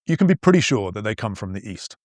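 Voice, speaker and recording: Narrating a scripted educational podcast, this northern English podcast host and language teacher tells stories in a playful, lively, explanatory way. His mostly posh accent still holds a few northern vowels, and his pitch moves freely at a quick pace. The recording is close and dry, with no room sound.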